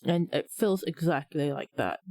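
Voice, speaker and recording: A woman's voice: deep voice, unhurried, a little hiss or hum. Laid-back woman streamer with a lisp. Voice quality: slight lisp from candy in her mouth. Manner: relaxed, rambling, chatty with viewers. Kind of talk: casual live-stream chat.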